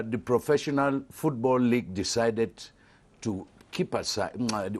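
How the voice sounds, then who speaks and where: A man from Cameroon, a panelist on a studio discussion show, explaining in an animated way with hesitations. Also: mid-range voice.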